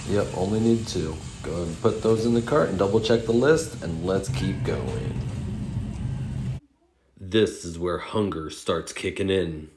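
A man's voice: low-pitched, background noise. A man in his thirties, a service dog handler, chatting casually to viewers and his dog while filming on a phone in a supermarket. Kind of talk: casual vlog narration. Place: car, then large supermarket indoors.

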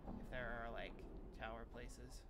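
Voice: medium pitch, steady tone, a little slow, heavy background noise. A streamer playing through a game, musing aloud and reading dialogue lines. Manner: musing aloud, thinking out loud.

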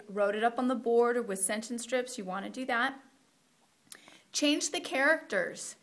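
A woman's voice: on the high side, fairly bright tone. A woman walking teachers through a week of Spanish immersion lessons in a practical, conversational way, dropping in Spanish phrases. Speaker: Spanish program instructor. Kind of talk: teacher training walkthrough.

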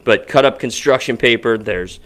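A man with a mid-range, fairly bright voice talks at normal speed as a podcast co-host in a basement home studio. His casual chat is rambling and chatty, with frequent restarts.

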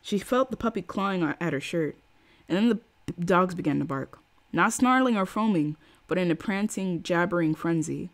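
A woman's voice: on the low side, animated. A woman reading a novel aloud on a live stream, voicing the quoted lines with feeling and stopping now and then to greet her chat. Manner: reads with acted quotes, pausing for chat.

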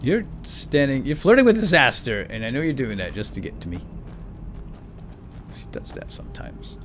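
Muttering to himself and slipping in playful asides, a gamer commentator offers lightly role-played commentary on a video game at a normal speed. His voice is medium in pitch but swoops wildly, and cave ambience and effects from the game sit behind it.

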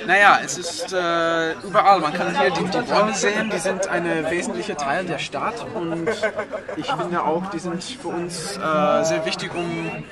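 A young man explains things patiently in a casual chat, with lots of fillers between his words. His voice is a little high. He was recorded outdoors on a city rooftop with a camera mic, and loud crowd noise fills the background. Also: steady tone, a little slow. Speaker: guest, botany intern.

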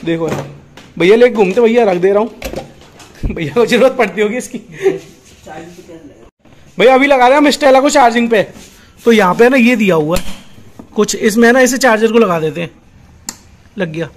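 A man's voice: high voice, normal speed, long pauses, slight background noise. A young man chatting casually to viewers in a vlog, exclaiming often. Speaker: vlogger.

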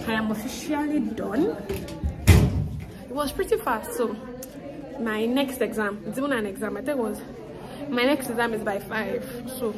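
A woman in her twenties chatting straight to her viewers in a casual vlog, telling them about her day. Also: a little high. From not from Canada, studying there. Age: 20s. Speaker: vlogger. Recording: noisy with crowd chatter.

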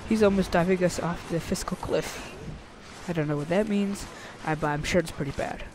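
A man hosting a gaming channel, chatting and reacting excitedly as he plays. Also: sits high, normal speed, background noise. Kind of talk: casual gameplay commentary. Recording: commentary over loud game music. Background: game music.

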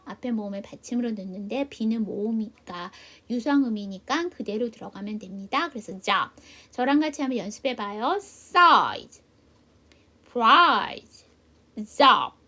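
Middle-aged lady teacher, voice a bit on the high side, slow and patient, spells words out letter by letter. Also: expressive. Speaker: English teacher at a seniors' welfare center. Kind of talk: classroom lesson.

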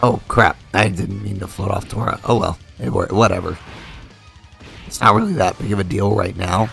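A man with a fairly low, gravelly voice comments casually on a mobile game while playing it, speaking at normal speed over faint music. He's a mobile game video creator, relaxed and thinking aloud with fillers, and he's losing his voice from being a little sick.

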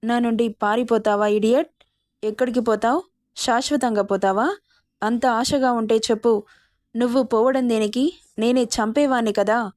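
A woman's voice: on the high side, steady tone, moderate pace, pauses often, darkish tone, dry recording, clean studio sound, natural voice. A woman voicing a young, hot-tempered man who reproaches the woman he loves, in a spoken Telugu love story. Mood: furious.

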